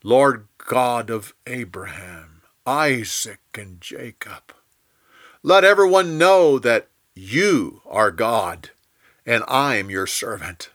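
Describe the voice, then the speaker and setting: A man voicing a bold male prophet who speaks forcefully and insistently, in a Bible storytelling reading. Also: mid-range voice, sing-song, slow pace. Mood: praying.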